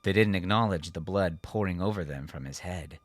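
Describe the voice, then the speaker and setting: A man narrates a dramatic story in a low voice, measured and deliberate like a scripted audiobook. The recording has no echo.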